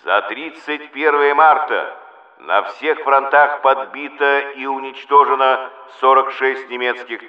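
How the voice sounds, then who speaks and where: Casting: male wartime radio announcer, solemn, declamatory and measured, on a dull, reverberant vintage broadcast recording. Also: mid-range voice. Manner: solemn, declamatory, measured delivery with weighty pauses. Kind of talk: solemn 1940s wartime radio bulletin reading. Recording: old muffled, echoey radio recording.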